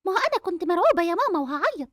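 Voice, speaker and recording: A female voice doing a chirpy little schoolgirl with a very high voice and an Egyptian Arabic accent. She chatters at a rapid pace. The recording is dry and close. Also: very animated, a bit bright, no echo, exaggerated voice. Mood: chatty. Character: cheerful young schoolgirl, honest and chatty. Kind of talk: dubbed animated game movie.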